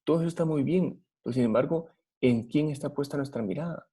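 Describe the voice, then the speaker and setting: A man's voice: a little high, fairly quick, mellow, slightly rough. A man with a Guatemalan Spanish accent preaching a Bible study sermon, earnest and putting rhetorical questions to his listeners.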